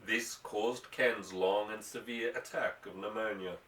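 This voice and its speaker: An audiobook reader narrates a novel from a script with dramatic, emphatic phrasing. His voice is on the low side, fairly even in intonation, unhurried and fairly bright. The recording has a roomy echo from a distant microphone.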